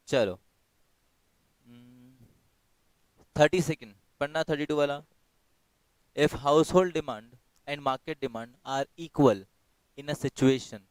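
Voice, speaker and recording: Hoarse teacher with a clear, dry voice. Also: male voice, a little high, a little mellow, no echo, low-quality recording. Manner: reads questions slowly, explains quickly in mixed Hindi and English. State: sore throat, clearing it often. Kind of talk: online multiple-choice class. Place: home.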